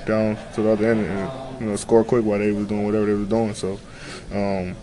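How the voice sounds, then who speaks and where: A young man in his twenties, a basketball player giving a low-key postgame interview in a locker room, filler-heavy and matter-of-fact. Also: a little fast, a crowd in the background, rough recording. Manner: low-key, flat, many "you know" fillers. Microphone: handheld reporter mics close to face.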